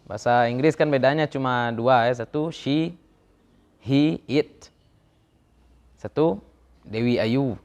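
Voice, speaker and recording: A man's voice: medium pitch, takes it slowly, long pauses, a little mellow. A man teaching an Arabic grammar class, chanting verb conjugations in a rhythm and joking about regional dialects. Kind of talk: classroom lecture.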